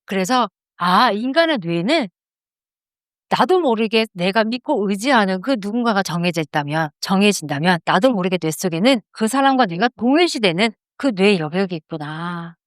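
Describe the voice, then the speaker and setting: A woman's voice: mid-range voice, expressive, normal speed, dry recording, clean studio sound. A woman teaching a class on anger and meditation to a live group, asking questions and then guiding them with eyes closed. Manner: asks the audience questions and answers them. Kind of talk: lecture leading into guided meditation. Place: room with a live audience.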